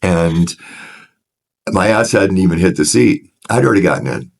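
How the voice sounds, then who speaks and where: A middle-aged man in recovery work, frankly telling his own story in conversation, restarting sentences often and getting animated as he relives moments. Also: sits low, normal speed, gravelly. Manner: earnest and frank, frequent restarts, grows animated when retelling scenes. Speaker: recovery director, podcast guest. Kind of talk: candid personal storytelling in conversation.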